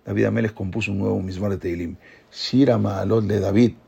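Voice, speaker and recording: A man teaching a Torah class, retelling the story in a lively way and acting out the characters' voices. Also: fairly low pitch, fairly quick, creaky, slightly rough. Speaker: religious teacher.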